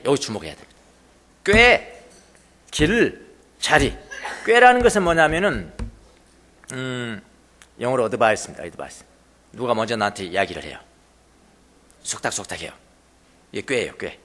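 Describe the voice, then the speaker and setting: Korean pastor guy preaching, slightly high voice, hammers words over and over, asks the crowd stuff. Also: a bit bright, in a large hall. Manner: emphatic, repeats key words, asks the congregation questions. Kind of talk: sermon. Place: church sanctuary.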